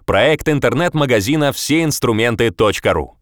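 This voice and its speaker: A man's voice: medium pitch, expressive, normal speed, no echo, clean studio sound. A man reading scripted recorded greetings in a formal phone menu voice, as an announcer guiding callers. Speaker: voice-over announcer for phone menus.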